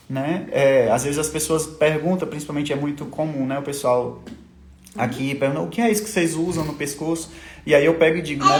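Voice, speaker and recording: A man's voice: on the high side, slight background noise. Tearful father, echoey room. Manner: tearful, halting, repeats words. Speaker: father of a sick child. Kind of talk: emotional personal testimony on a livestream.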